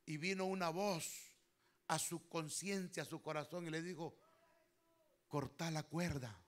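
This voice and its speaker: Male pastor, fervent preacher, high bright voice. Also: steady tone, moderate pace. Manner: fervent preaching, swelling loud on key phrases, addresses listeners as brother. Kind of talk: sermon.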